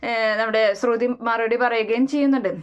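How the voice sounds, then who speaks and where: Fast, flat-voiced woman retelling a serial. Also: a little high, clear, resonant tone, highs cut off. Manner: rapid retelling with many "eh" fillers and restarts. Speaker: serial recap narrator. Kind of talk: casual plot retelling of a TV serial.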